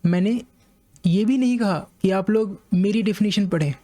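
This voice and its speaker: An Indian man, an English teacher with an Indian accent, calmly explaining a point to his viewers and slowly reading passages aloud. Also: high-pitched, soft background music. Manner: measured, repeats points, reads English slowly.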